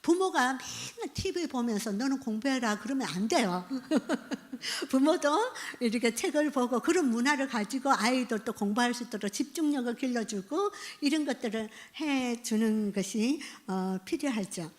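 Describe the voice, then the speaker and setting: A middle-aged woman pastor giving a midweek sermon in a church, lively and hands-on, acting out short parent and child lines and asking the congregation to join in. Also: fairly high pitch, moderate pace. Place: church sanctuary.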